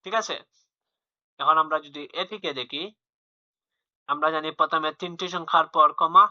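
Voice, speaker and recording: A man gives a children's maths lesson in a bright, forceful, somewhat high voice. He explains patiently and repeats each step. The recording is dry and dull, with a lo-fi sound. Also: fairly even intonation, moderate pace, no room sound. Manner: patient, repetitive explaining with fillers and restarts. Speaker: teacher.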